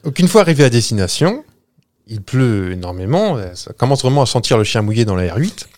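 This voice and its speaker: A man's voice: medium pitch, big pitch swings, a little fast, darkish tone. A man telling a spooky story in a casual, joking podcast chat, with frequent hesitations. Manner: tells a ghost story with jokes and hesitations.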